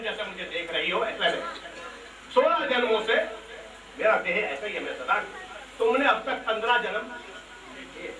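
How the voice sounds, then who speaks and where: A man voicing the god Shiva as a devoted eternal husband, speaking with earnest, repetitive phrasing in devotional storytelling. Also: high-pitched. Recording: echoey hall, distant mic, noisy.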